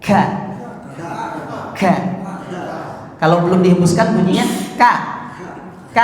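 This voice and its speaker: A man's voice: high voice, darkish tone. A man teaching Quran pronunciation, patiently drilling each sound by repeating it. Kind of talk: tahsin pronunciation lesson. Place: mosque hall. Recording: echoey mosque hall with long reverb.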